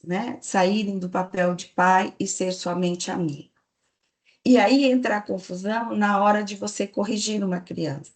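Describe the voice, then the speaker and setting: A woman giving a lecture to a live audience, explaining patiently and checking in with the listeners. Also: medium pitch. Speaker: speaker giving a parenting talk to staff.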